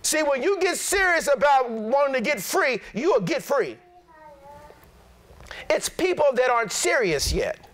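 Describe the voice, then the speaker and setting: A middle-aged pastor preaching a sermon in an animated, blunt, plain-spoken way. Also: male voice, very high voice, measured pace.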